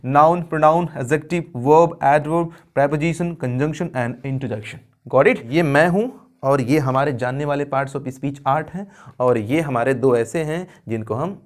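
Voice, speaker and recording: Playful man teaching grammar, high voice. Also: unhurried. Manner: playful, jokey, addresses viewers as kids. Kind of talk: classroom lesson.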